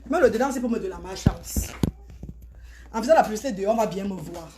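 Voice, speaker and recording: A woman, selling products on a casual live stream in loud sing-song sales calls with chatty asides to commenters. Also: medium pitch, expressive, fast. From Cameroon. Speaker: online seller on a live stream.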